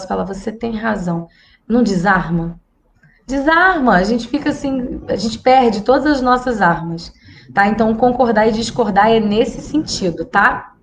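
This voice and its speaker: A Brazilian woman psychologist giving parenting advice in a casual, chatty way, often checking in with the viewers. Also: on the high side. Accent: Brazilian Portuguese. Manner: chatty, tags sentences with "tá?" and "gente". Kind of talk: casual educational talk to viewers.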